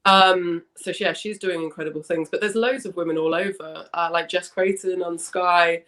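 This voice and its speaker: A young woman, hoarse from a cough with a slight smoker's rasp, chatting in a rambling, self-correcting way as an interview guest. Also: on the low side, fairly even intonation, moderate pace, a bit bright. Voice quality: slightly husky, smoky rasp. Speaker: interview guest, founder of a women's football fan community. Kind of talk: casual interview chat.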